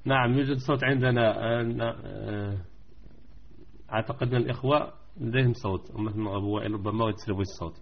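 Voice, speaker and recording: A man teaching Quran recitation rules in a live online lesson, repeating points slowly and chanting verses. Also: on the low side, fairly even intonation, vocal fry, dull audio.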